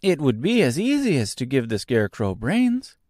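A man voicing a timid, kind, softly spoken young girl in a storybook. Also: mid-range voice, huge pitch swings, moderate pace, no echo, studio quality, pitched above the performer's own voice. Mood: earnest, friendly. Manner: timid, soft, gentle. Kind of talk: storybook character voice.

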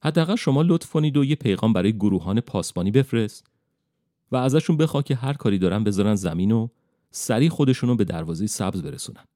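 A man's voice: fairly low pitch, lively intonation, dark tone, no echo, studio quality, close to an everyday voice. A man voicing another man, a companion who sounds incredulous and exasperated and gives orders. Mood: commanding.

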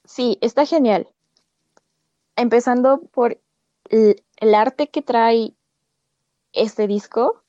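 A woman's voice: on the high side, drawn-out words, pauses often, mellow, no echo, lo-fi sound. A woman co-hosting a casual podcast chat, correcting herself as she goes. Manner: chatty, self-correcting. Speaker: podcast co-host.

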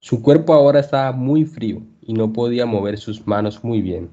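A man's voice: medium pitch, fairly even intonation, mellow. Man reading a story for learners. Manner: clear measured reading. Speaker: language teacher. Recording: dull lo-fi podcast audio.

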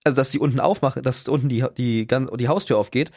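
A young man co-hosting a podcast, telling a story in casual chat, animated and swearing freely. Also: medium pitch, quick pace. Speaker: podcast co-host.

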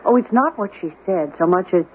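In a 1970s radio drama, a woman plays a formal, composed household servant who lectures her employer in a prim, unflappable, gently reproving manner. Her voice is lowish, expressive, fairly quick and natural. The broadcast sounds tinny and old, with a faint hiss.

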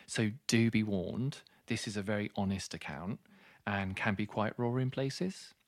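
A man's voice: fairly low pitch, unhurried, no room sound, studio quality. A man co-hosting a book podcast, reviewing a memoir with enthusiasm and dropping his voice for serious points. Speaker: podcast co-host.

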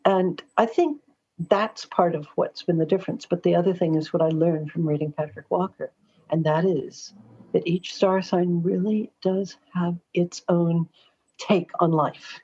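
A forthright, chatty woman from Los Angeles, middle-aged or older and working as an astrologer and columnist, tells anecdotes as an interview guest. Her husky, lowish, darkish voice has fairly even intonation and a slightly slow pace, heard through slightly dull, lo-fi audio.

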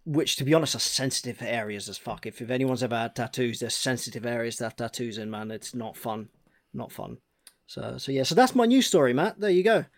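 A man's voice: medium pitch, brisk. A man co-hosting a podcast in casual chat, blunt and jokey, swearing freely. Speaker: podcast co-host.

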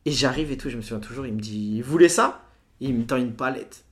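Fast-talking man with suburb street slang. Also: mid-range voice. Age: 30s. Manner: animated retelling with quoted dialogue. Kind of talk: casual anecdotal storytelling.

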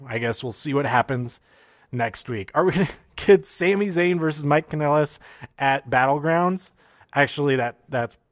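A man casually recapping wrestling shows, excitable and rambling, with many fillers and restarts. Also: fairly high pitch, no echo, clean studio sound.

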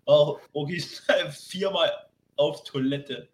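A man's voice: on the high side, a little slow, echoey room. A young man telling a rambling story in casual slang as a podcast co-host. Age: young adult. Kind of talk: casual chat.

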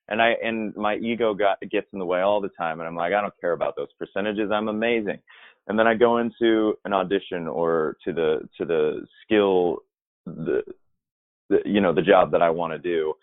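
A musical theater performer with a very low, deep voice reflects on his career in interview answers, thoughtful and meandering, with many fillers and restarts as he circles back. The line sounds thin, tinny, and phone-like, completely dry with no room echo.

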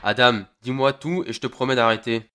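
A brutal interrogator in an audio drama, played by a man speaks in a mid-pitched voice. He threatens coldly and harshly, pressing his captive without mercy. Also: fairly even intonation, a little fast, pushed and bright, smooth, natural voice. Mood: menacing. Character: brutal, menacing male interrogator.

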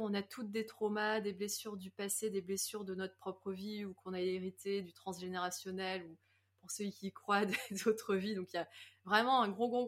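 Reflective woman yoga teacher guest. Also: mid-range voice. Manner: reflective, hesitant, laughs easily. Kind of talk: podcast interview.

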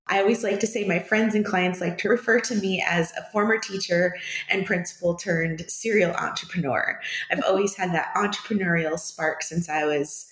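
Lower-voiced upbeat woman guest in echoey room. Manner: warm and upbeat, self-introducing. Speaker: podcast guest, business coach. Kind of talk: casual interview talk.

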